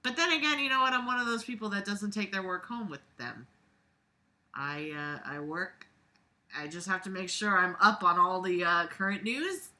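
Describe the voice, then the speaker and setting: An online reader, a woman with a mid-range voice and a sharp tone, reads a book aloud theatrically at a moderate pace. She keeps breaking off into exasperated, sarcastic, sweary asides, all delivered in an exaggerated way, with slight background noise behind her.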